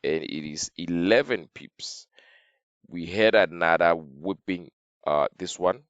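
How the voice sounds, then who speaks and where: A man with a slightly off voice teaching a trading lesson over a chart, halting and repeating himself as he draws. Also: deep voice, no echo, muffled recording. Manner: repetitive, halting, talks while drawing on chart. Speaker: trading signal educator. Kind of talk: screen-share trading lesson.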